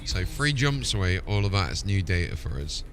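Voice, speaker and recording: Low-pitched, very animated, and brisk, this game livestream host talks casually and rambles informally. Music can be heard in the background.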